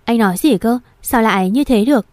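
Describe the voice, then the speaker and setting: A woman's voice: on the high side, brisk, a little mellow, dry recording, natural voice. A woman voicing a frantic young wife who pleads anxiously in a crisis. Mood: shocked.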